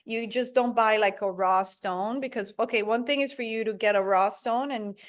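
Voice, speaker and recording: A woman's voice: on the high side, moderate pace. A woman from Brazil, a guest in a podcast interview, speaking earnestly and searching for words with many fillers. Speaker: guest, product founder. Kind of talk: conversational interview.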